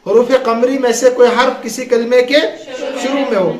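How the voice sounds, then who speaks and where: A man's voice: very high voice, steady tone, music in the background. A man teaching an Arabic grammar lesson to a class, asking questions and having the students finish his sentences. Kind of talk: classroom lesson with call and response. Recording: echoey room.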